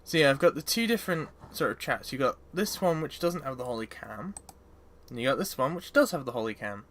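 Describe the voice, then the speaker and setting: A woman's voice: very deep voice, lively intonation, brisk, a little hiss or hum. A sleepy woman, chatting loosely and giggling often as she streams a game. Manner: giggly, rambling, often breaks into laughter. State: sleepy, yawning. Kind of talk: casual live-stream chat.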